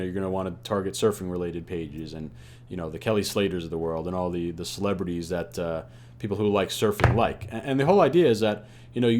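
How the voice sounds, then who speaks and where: Lower-voiced man giving a casual lesson. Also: darkish tone. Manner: loose and conversational, heavy on "you know" and "uh" fillers. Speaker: online ads instructor. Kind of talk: casual unscripted lecture.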